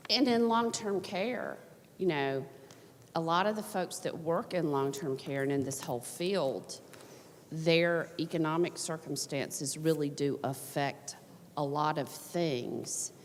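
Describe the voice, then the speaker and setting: Southern woman presenter, chatty and casual, low-pitched, faint room noise. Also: takes it slowly, long reverb tail. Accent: Southern American. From Southern United States. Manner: chatty, frequent "you know" fillers. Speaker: workshop presenter. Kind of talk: workshop presentation.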